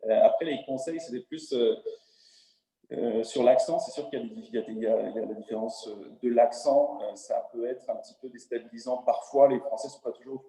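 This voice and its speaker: Hesitant French man, dark echoey voice. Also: mid-range voice, a little fast. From France. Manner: hesitant, many fillers and restarts. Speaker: panelist entrepreneur. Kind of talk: webinar panel talk. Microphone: video call.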